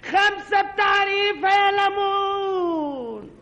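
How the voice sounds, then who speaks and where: A woman's voice: extremely high pitch, slow pace, fairly bright tone, exaggerated voice. An actress playing a nagging, quarrelsome wife who curses her husband, with an Egyptian accent, in an old radio comedy. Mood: scolding. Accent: Egyptian Arabic. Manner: scolding, cursing. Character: shrill nagging wife of a poor neighbour.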